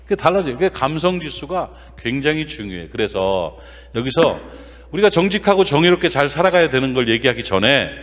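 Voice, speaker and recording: Man, guest pastor, revival sermon, folksy, quizzes listeners, very animated pitch, long church reverb. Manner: folksy, lively, quizzes the congregation with quick questions. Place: church sanctuary.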